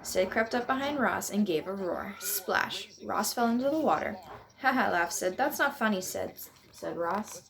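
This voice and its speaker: A woman reading a children's picture book aloud at home, in a gentle, lively read-aloud voice. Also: mid-range voice, measured pace, vocal fry. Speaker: storyteller. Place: at home on a couch.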